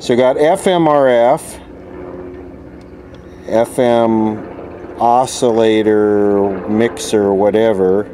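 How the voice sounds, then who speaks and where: A man with a lowish voice speaks extremely slowly, leaving long pauses as he mutters and thinks aloud while working. He's a host repairing vintage electronics on camera, offering casual, off-the-cuff commentary over steady background noise.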